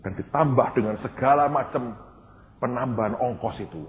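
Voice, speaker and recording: A male pastor preaching a storytelling sermon, acting out dialogue and swinging from loud to hushed. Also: medium pitch, moderate pace, slight background noise. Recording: tinny phone-like sound, long hall reverb.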